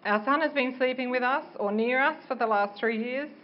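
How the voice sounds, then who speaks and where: A woman's voice: high-pitched, a little fast. A middle-aged woman giving a prepared public speech as a parent campaigner, speaking earnestly and carefully like a reluctant speaker. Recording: dull, noisy live speech recording.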